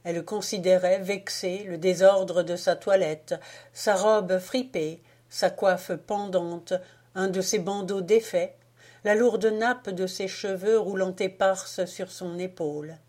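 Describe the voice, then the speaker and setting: A woman reading a literary audiobook in a measured, expressive way. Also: mid-range voice. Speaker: audiobook reader.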